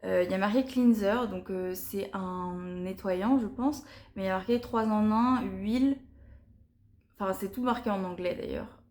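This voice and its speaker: A woman's voice: medium pitch, darkish tone. Hesitant chatty young woman vlogger. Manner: chatty and hesitant, frequent pauses and restarts. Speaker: beauty vlogger. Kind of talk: casual product review to camera.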